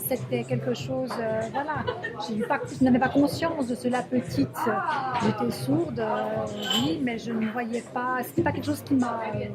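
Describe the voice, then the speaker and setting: A woman sign language interpreter voicing an interview in the first person, halting and searching for words, in a café. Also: on the high side. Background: loud music.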